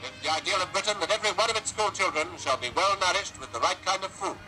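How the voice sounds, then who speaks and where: 1940s newsreel announcer, man, higher voice. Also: bright, forceful tone, low-quality recording. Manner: formal, measured announcer delivery. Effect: old archive newsreel sound. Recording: old newsreel with music underneath.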